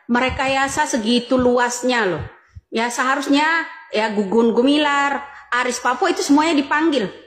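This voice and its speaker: High-pitched woman, furious combative rant, roomy sound and faint music. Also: fairly bright tone. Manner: angry, confrontational, repetitive. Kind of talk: heated rant to camera.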